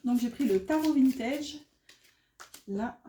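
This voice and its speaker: A woman gives a relaxed tarot reading in a somewhat high, mellow voice. She chats freely, piling up fillers and correcting her own words as she goes. The room around her sounds echoey. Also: slow pace. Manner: chatty, many fillers and self-corrections, laughs at herself. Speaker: tarot card reader.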